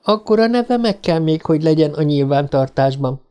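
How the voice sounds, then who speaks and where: A man's voice: fairly high pitch, animated, dark tone, clean tone, pitched above the performer's own voice, natural voice. A man voicing a polite, helpful young woman working as a librarian.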